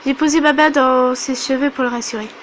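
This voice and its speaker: A woman's voice: high-pitched, steady tone, brisk, fairly bright tone, a little hiss or hum, low-quality recording. A woman narrating a story game casually, commenting on her own slips. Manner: chatty, reacts and laughs at her own slips. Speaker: video game reader.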